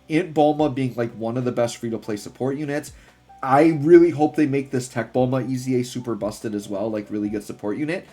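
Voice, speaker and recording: A male gaming host chats casually over music. He rambles excitedly and slangily through his gameplay commentary, in a mid-pitched voice with a slightly rough edge. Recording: music behind the voice.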